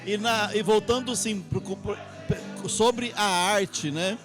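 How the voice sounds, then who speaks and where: A man's voice: sits high, takes it slowly. A middle-aged Brazilian man, an artist guest, telling his life story in a rambling way, often ending phrases with tag questions. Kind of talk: interview storytelling. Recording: music playing behind.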